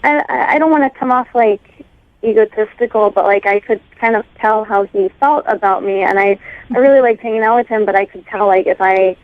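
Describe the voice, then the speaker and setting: A woman's voice: medium pitch, a little fast, no echo. Female caller, hesitant and apologetic, lots of "like", thin tinny phone line. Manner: hesitant, filler-heavy, apologetic.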